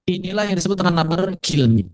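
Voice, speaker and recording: Lively high-voiced Indonesian Quran teacher. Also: male voice. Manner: lively, asks the audience questions; slows right down to demonstrate recitation. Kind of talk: casual lecture to a live and online class.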